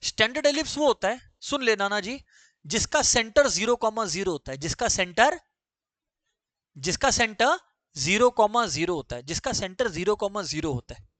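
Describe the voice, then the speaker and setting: A man's voice: high-pitched, expressive, moderate pace, a bit bright, no echo. A man teaching a maths lesson to students, repeating key phrases and firing questions at the class.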